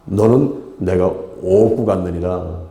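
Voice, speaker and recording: A pastor lowering his voice into the gentle, solemn Lord. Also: reverberant. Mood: tender. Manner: slow, low and tender.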